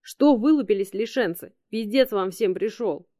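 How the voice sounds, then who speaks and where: A woman narrator puts on a brash young woman in an audiobook, barking orders and cursing her team. The voice sits dark and mellow, read dry and close to the mic. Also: medium pitch, moderate pace, no room sound, close to an everyday voice. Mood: furious. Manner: rude, commanding, swearing. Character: brash young woman, foul-mouthed leader.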